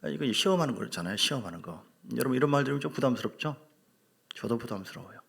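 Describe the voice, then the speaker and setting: A middle-aged pastor races through his sermon at very fast speed, his medium-pitched voice carrying vocal fry and a breathy edge. Animated and emphatic, he tells stories, performs the quotes, and questions the congregation.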